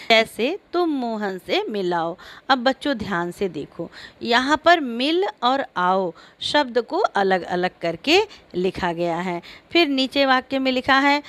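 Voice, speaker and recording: A woman teacher explaining a grammar lesson to pupils, stressing each example word clearly. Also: mid-range voice. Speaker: school teacher.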